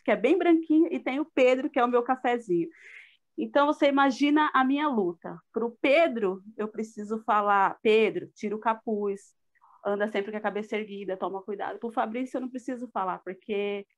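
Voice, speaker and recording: A middle-aged woman with a Brazilian Portuguese accent, giving an earnest, reflective personal testimony in a live talk. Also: medium pitch. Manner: earnest, reflective, with frequent fillers. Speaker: guest speaker.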